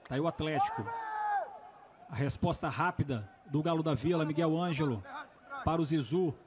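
A man's voice: a little high, big pitch swings, normal speed. A Brazilian man calling a football match live as a play-by-play commentator, stretching out words on the big moments. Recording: noisy stadium broadcast, background hiss. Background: stadium ambience and crowd noise.

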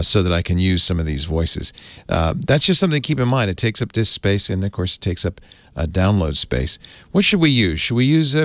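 A man's voice: lowish voice, a bit bright, dry recording. A man hosting a casual tech tutorial, chatty and easygoing, chuckling as he explains. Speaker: host.

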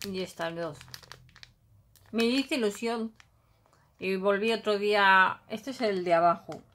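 A middle-aged woman from Spain with a Basque Country accent unpacks craft items at a table at home, talking casually and humming filler sounds as she thinks aloud. Her voice is mid-range and fairly bright, and she speaks a little slowly.

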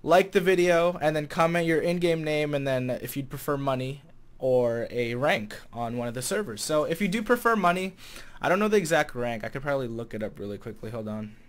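Lively and a touch fast, his voice runs on the high side as this 20-year-old man from the Chicago area chats easily to camera, hesitating now and then as he thinks out loud. He has an American accent and works as a vlogger and game server staff manager. The casual vlog is recorded indoors in a small room at home through a desk condenser mic with a pop filter.

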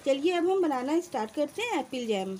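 A woman's high voice swings widely in pitch as she narrates a cooking demo a little fast, her tone dark, with slight background noise. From her home kitchen, she hosts her channel, plainly explaining each step of a home recipe and calling viewers friends.

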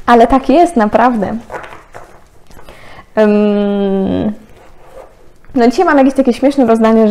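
Lady in her 30s doing a chatty card reading, mellow voice, laughs a lot. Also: a little high. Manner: chatty, laughs often, many fillers. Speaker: tarot card reader. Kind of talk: casual spiritual card-reading talk.

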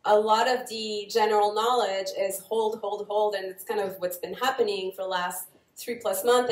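Chatty woman moderating a panel. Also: mid-range voice. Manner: chatty, questioning, hesitant. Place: coworking space event room. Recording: echoey room from far off.

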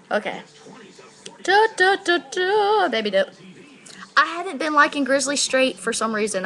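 Young woman, higher-pitched voice, slangy rambling vlog chat, sweary, laptop mic. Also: bright, forceful tone. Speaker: vlogger. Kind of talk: casual rambling chat to camera. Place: living room at home, indoors. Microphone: laptop built-in microphone at arm's length.

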